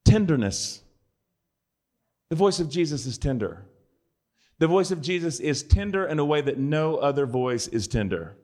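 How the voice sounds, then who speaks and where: A man's voice: a little high, big pitch swings, normal speed, pauses often, darkish tone. A man giving a conversational sermon, with dry, joking asides. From United States. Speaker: preacher.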